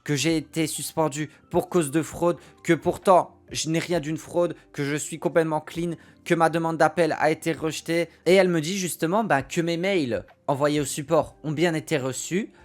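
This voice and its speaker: A man's voice: a little high, fairly even intonation, moderate pace, few pauses, soft background music. Young French man telling a story. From France. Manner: emphatic, repeats phrases for effect. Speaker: streamer and video creator. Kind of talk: storytelling to camera.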